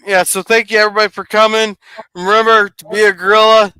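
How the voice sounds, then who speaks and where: A man with a high, bright voice hosts a casual live-stream chat. He talks loosely and reads viewer comments aloud in a smooth, clear tone. The sound is dry and close. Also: flat delivery, fast, dry recording, low-quality recording. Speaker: podcast host.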